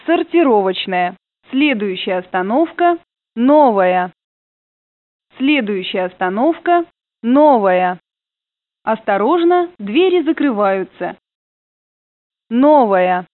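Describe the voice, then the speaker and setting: A woman calls out train stops over the intercom, slowly and formally, with a lively rise and fall in her voice. The sound is tinny and narrow, like a phone line, and dry, with no room echo. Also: fairly high pitch. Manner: formal, measured announcing. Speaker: train announcer. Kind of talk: recorded stop announcements.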